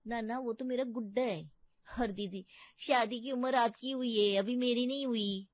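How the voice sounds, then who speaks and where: A woman's voice: on the high side, moderate pace, dry recording, highs cut off, natural voice. A woman voicing a naive, childlike young maid. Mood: innocent. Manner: simple-minded, colloquial, innocent. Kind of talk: animated story voice acting.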